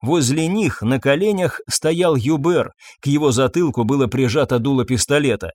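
A man narrating an audiobook in an expressive, dramatic reading style. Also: medium pitch, normal speed, dry recording, studio quality.

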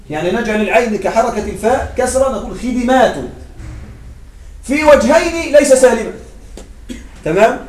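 A man's voice: very high voice, a little mellow, reverberant, far from the mic, rough recording. A man teaching an Arabic grammar lesson, explaining step by step and often checking that his students follow. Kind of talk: classroom grammar lecture.

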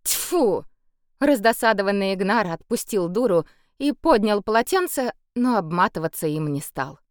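Expressive woman audiobook narrator. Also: medium pitch, moderate pace, clean tone, no echo, studio quality. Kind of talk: scripted narration.

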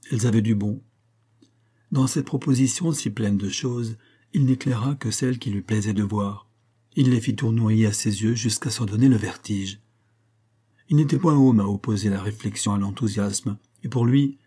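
A man narrating a classic novel as an audiobook in a measured, even reading. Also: on the low side, slightly rough. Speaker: audiobook reader.

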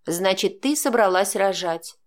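A woman's voice: mid-range voice, animated, measured pace, close to an everyday voice. A woman voicing a cold, sarcastic middle-aged mother who speaks in a cutting, scornful way.

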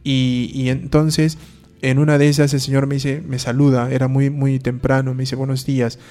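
A man's voice: medium pitch, level tone, normal speed, warm tone. A man, a priest giving a conversational talk on faith, asking rhetorical questions and acting out short dialogues. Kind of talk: conversational preaching.

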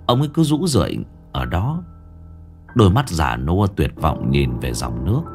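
A man narrating a ghost story in a grave, expressive storytelling voice. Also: rumbling low, moderate pace, over music.

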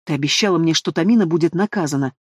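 A man's voice: on the high side, very fast, husky, no room sound, clean studio sound. A man voicing a spoiled, envious young woman in an audiobook, whining and squealing. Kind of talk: audiobook character voice.

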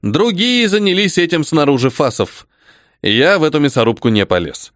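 A man reading a first-person audiobook in a dramatic, expressive manner. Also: a little high, normal speed, no echo, clean studio sound. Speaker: audiobook narrator.

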